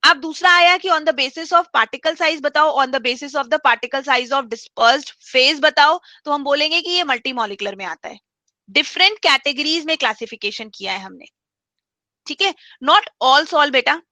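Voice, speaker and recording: A woman's voice: sits high, lively intonation, measured pace, sharp tone, no echo. A woman teaching a chemistry class online, explaining step by step, repeating key points and mixing English terms into her speech.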